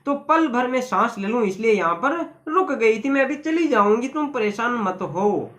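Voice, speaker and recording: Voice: medium pitch, expressive, normal speed, fairly bright tone, lightly acted. A teacher voicing a timid young female baby bird who speaks in a hesitant, apologetic way during a story lesson. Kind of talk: reading a story aloud in class.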